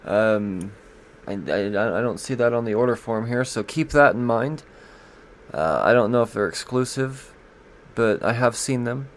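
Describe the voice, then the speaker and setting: A man with a medium-pitched voice speaks a little slowly while hosting a comics podcast. He goes over new releases in casual, profane, joking talk and stumbles as he reads blurbs aloud.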